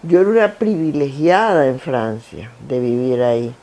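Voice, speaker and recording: On a theater stage, an older woman from Guayaquil, founder of a foundation, tells stories about her work as an interview guest, speaking in Ecuadorian coastal Spanish. Her voice rumbles low and her pace is moderate. She is animated and anecdotal, often listing things with repetition in this conversational, storytelling interview.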